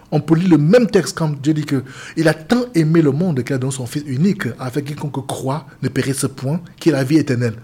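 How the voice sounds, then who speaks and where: On the high side, husky and darkish, the voice is that of a man from Cameroon, a pastor and chaplain for seamen, appearing as an interview guest. He speaks earnestly but repetitively, often stumbling and beginning his phrases again.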